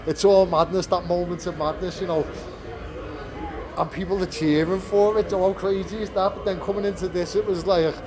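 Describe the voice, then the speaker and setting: A British man in his twenties, a fighter fresh from a bout, speaks openly to the press in the venue's media area. His high-pitched voice holds a steady tone at a moderate pace as he rambles, restarting often and filling gaps. Crowd noise murmurs in the background.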